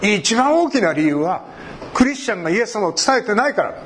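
A male pastor preaches with a high voice that swings widely in pitch. He jokes with his listeners and acts out short scenes of talk. A faint hiss sits behind him. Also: a little fast. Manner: animated, jokes and acts out little dialogues. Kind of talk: sermon.

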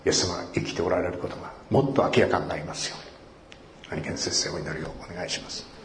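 A male pastor preaching a sermon in an earnest, measured way, repeating key phrases for emphasis. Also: low-pitched, fairly bright tone, a little hiss or hum. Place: church worship hall. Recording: echoey church hall.

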